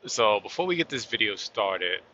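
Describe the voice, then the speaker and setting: Rolling down the road in his truck cab, a vlogger chats easygoingly to camera, rambling in a laid-back southern style with plenty of "y'all." His voice sits on the low side with big pitch swings, a moderate pace and a bright, forceful tone, though he's a bit hoarse and losing it. Recorded on a phone or camera on a tripod, the sound is dull and lo-fi with a little hiss or hum.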